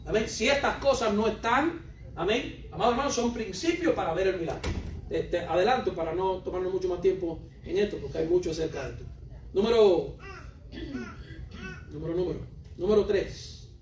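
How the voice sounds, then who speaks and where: A man preaches with a high voice, hammering each point through repetition and direct questions to the congregation. He is heard from some distance in a roomy church hall, with faint ambient noise behind him. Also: moderate pace. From Cuba. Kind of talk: sermon.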